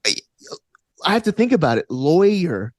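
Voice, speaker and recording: This guest is an actor and stage combat student in his twenties who speaks with an Alabama Southern accent. During the interview he chats casually and eagerly in slangy, informal language, his voice on the high side, sing-song and somewhat dark, at a moderate pace. The recording is clean studio sound without echo.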